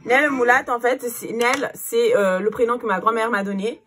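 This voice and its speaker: A woman's voice: on the high side, normal speed, fairly bright tone, slight background noise. A woman in her thirties with a Cape Verdean Portuguese accent, chatting casually to the camera as a vlogger, with lots of fillers. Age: 30s. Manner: chatty, many fillers, distracted by her child.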